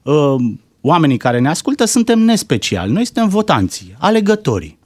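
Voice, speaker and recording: A man's voice: fairly high pitch, big pitch swings, a little mellow, slightly rough, no echo. A man giving heated, indignant political commentary on a talk show, firing off rhetorical questions.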